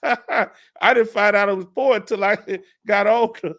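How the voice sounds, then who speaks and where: This middle-aged Houston-accented man hosts a relaxed live Q&A, chatting and laughing often. His voice sits high with a steady, fairly bright tone, and he keeps a measured pace.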